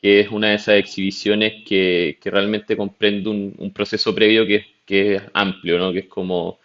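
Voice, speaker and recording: A man's voice: fairly low pitch, level tone, normal speed, fairly bright tone. A man hosting an interview, asking courteous, long and winding questions. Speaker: interviewer, gallery director. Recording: dull lo-fi audio.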